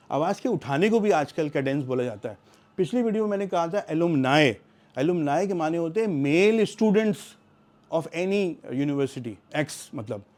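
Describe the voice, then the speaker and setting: A middle-aged man explaining English vocabulary in a lesson, reading English example sentences slowly and deliberately. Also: fairly high pitch, darkish tone.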